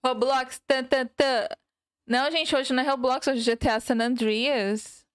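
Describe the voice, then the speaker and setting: A young woman from Minas Gerais, Brazil, speaks with a Minas Gerais Portuguese accent in a high-pitched, clear, resonant voice with fairly even intonation and an unhurried pace. The studio-quality recording has no room sound. As a game streamer, she chats casually, reads the chat aloud, and mixes in English words.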